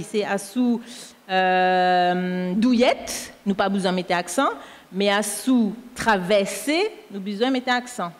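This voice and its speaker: Martinican Creole woman spelling out words. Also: a little high. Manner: patient, spells words out letter by letter. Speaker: language teacher correcting a dictation. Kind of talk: explaining spelling rules live on air. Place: school canteen hall. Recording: echoey hall.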